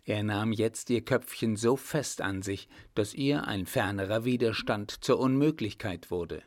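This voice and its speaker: Slow, measured male audiobook narrator. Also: fairly low pitch, dry recording, studio quality. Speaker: audiobook reader.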